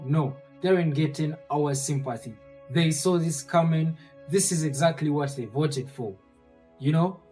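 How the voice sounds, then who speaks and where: A man's voice: on the high side, darkish tone. A man hosting casual commentary, emphatic and repeating his points to viewers. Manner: emphatic, repetitive, direct to viewers. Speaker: commentary host.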